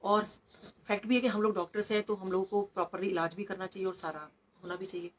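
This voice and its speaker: A woman's voice: medium pitch, level tone, quick pace, a little hiss or hum. A middle-aged woman, a doctor, sharing devotional stories at a satsang, slipping English words into her narration. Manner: storytelling, code-switching into English.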